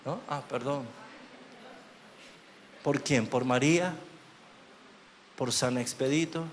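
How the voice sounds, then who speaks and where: A man preaching a sermon as pastor, swinging between loud proclamation and hushed, drawn-out phrases. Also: medium pitch, a little hiss or hum. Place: church sanctuary. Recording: long church hall reverb.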